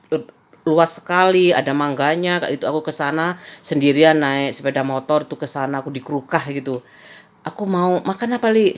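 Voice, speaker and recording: Chatty woman vlogging. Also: deep voice. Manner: chatty storytelling, frequent "kayak gitu" and laughter. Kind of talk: casual daily vlog chat.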